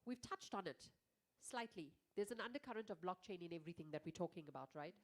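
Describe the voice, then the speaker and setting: Woman, panel moderator, stuffy nasal voice, congested, lively questioning. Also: on the low side, fast talker. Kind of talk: panel discussion.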